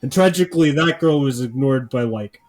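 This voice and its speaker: A man co-hosting a podcast, talking casually with deadpan sarcasm and lots of filler words. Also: mid-range voice, brisk, faint music behind. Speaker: podcast co-host.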